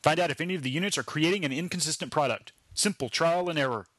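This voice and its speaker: A man voicing a gruff, bullying male factory boss who barks contemptuous orders. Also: on the high side, fast talker, fairly bright tone, dry recording, voice pushed up. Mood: stern. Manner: barking, contemptuous.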